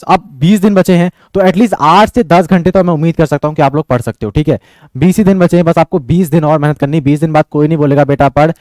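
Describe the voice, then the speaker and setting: A man's voice: fairly high pitch, a little mellow, no echo. A young man coaching students on exam strategy, direct and insistent, who keeps checking in with his listeners. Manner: fast, repeatedly checks in with "ठीक है?".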